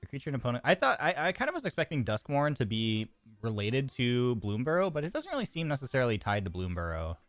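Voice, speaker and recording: Talking fast with few pauses and big pitch swings, this mid-range male voice is recorded with no room sound. He streams a card game while a little congested from a sore throat, chatting, reading card text aloud, and often restarting with fillers.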